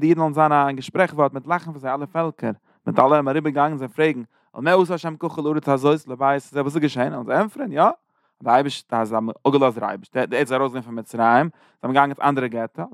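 A man teaches a Torah lesson at a rapid clip, his voice gravelly and full of fry. He explains in an animated way, mixing in Hebrew terms. The recording is dry and close. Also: mid-range voice, no room sound. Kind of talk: Yiddish-inflected Torah lesson.

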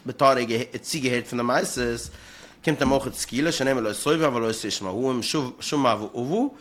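A man in a religious law study session, reasoning aloud in a halting way and repeating words as he thinks. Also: mid-range voice, fairly bright tone, slight background noise. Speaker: study partner. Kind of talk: religious text study discussion.

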